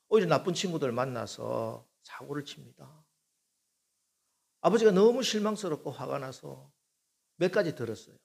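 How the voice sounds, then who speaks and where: A middle-aged man preaching a sermon as pastor, carrying a long story and voicing its prayers and conversations himself. His voice sits at a middling pitch with a husky, slightly breathy edge. He swells louder and higher at the emotional peaks. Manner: acts out quoted prayers and dialogue, voice rising with emotion.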